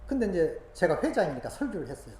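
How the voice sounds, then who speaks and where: Woman, preacher, emotional testimony sermon, lively swooping pitch, echoing room. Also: quick pace. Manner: emotional storytelling that swings from hushed asides to loud exclamations. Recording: roomy echo, faint background noise.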